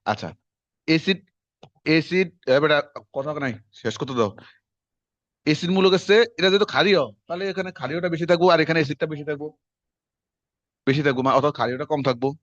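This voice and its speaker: A man, teaching a class in quick, conversational lecture style and quizzing his students as he goes. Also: fairly high pitch, a bit bright, no echo. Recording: dull lo-fi classroom recording.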